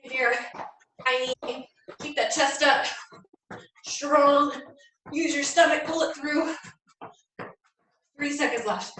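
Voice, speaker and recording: Female gym coach, bright, forceful voice, leading circuits from off mic in a very echoey room. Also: high voice, fairly even intonation, slow pace, pauses often. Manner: gym coach cueing and encouraging. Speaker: fitness instructor leading a circuit workout. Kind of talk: live workout class coaching. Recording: echoey room, distant mic, faint noise.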